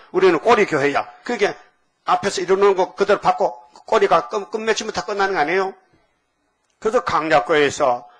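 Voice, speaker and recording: An older man preaching a sermon. He speaks in a folksy way and keeps asking the congregation quick questions. He reads scripture slowly and loudly, and now and then acts out a drill instructor's commands. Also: high-pitched. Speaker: pastor.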